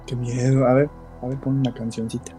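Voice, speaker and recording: A man's voice: medium pitch, level tone, fairly quick, over music, poor audio. A man in casual podcast chat, hesitating with fillers. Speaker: podcast co-host.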